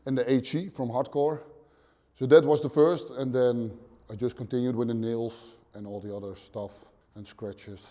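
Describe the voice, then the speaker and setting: A Dutch gym owner in his thirties sits in a dim gym, answering interview questions bluntly in short, halting phrases. His mid-range voice is mellow and keeps a steady tone.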